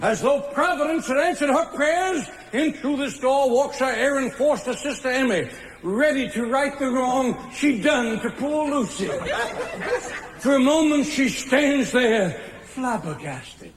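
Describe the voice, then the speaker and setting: An actor playing a folksy showboat captain and emcee, retelling a melodrama to the audience in a live theater. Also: male voice, extremely high pitch, measured pace, some chatter behind, slight background noise. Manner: folksy showman patter with homespun grammar. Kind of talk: stage musical. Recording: live theater with long reverb.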